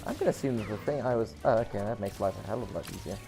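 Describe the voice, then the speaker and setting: A man's voice: fairly low pitch, rapid-fire. Kiwi guy streaming a game, jokey and rambly, bit of game music behind. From New Zealand. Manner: rambling, joking, self-correcting. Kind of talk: casual live gameplay stream.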